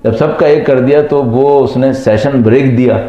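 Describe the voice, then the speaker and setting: Cleric telling parables in an echoey hall. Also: male voice, mid-range voice, steady tone, dark tone, dull audio. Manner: tells parables with acted voices of children and managers. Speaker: Shia cleric. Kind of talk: sermon with storytelling. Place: religious gathering at night.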